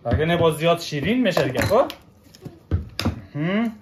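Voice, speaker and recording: A man, gently coaching his child through baking at home, checking in with short questions. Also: fairly high pitch, sing-song, noisy background. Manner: patient, coaxing, keeps checking with short questions. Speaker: father cooking with his child. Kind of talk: casual instructional chat with a child. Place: home kitchen. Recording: echoey kitchen room.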